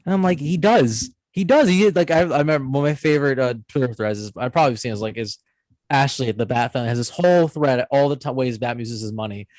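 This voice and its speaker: Talking quickly in a medium pitch, a channel host chats casually about films, animated and rambling as he fixes his own mistakes. The recording is dry and rough.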